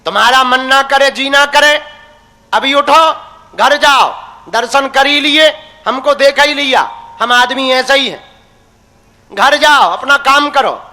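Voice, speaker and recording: A man's voice: extremely high pitch, a little slow, long pauses, bright, forceful tone. A young man preaching a devotional sermon, teasing and folksy, calling his listeners his crazy ones. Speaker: religious preacher. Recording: long hall reverb.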